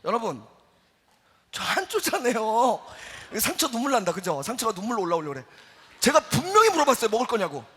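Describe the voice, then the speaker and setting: A middle-aged man preaching a sermon as a pastor, telling a story with lively acted-out quotes. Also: sits high, a little fast, slightly rough. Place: church sanctuary. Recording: church hall reverb.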